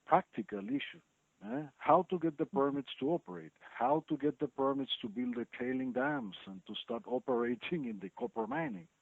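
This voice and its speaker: A man in his fifties from Chile, giving thoughtful interview answers with many pauses and fillers. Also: a little high, creaky, dry recording. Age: 50s. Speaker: chief legal officer, guest. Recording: dry, tinny phone-like sound.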